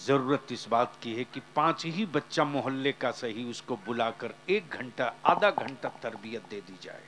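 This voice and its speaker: A man preaching a sermon to a large gathering, swinging between soft passages and loud fiery shouts, and calling on the crowd to answer aloud. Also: mid-range voice, slight background noise. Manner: talks directly to the audience, asking them to answer aloud. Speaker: Islamic preacher.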